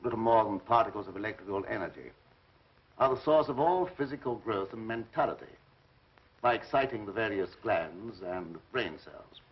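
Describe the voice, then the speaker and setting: An actor playing a grandiose, resentful mad scientist in an old horror film, speaking formally and theatrically with menacing politeness. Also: male voice, fairly low pitch, lively intonation, moderate pace, husky. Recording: muffled old film soundtrack.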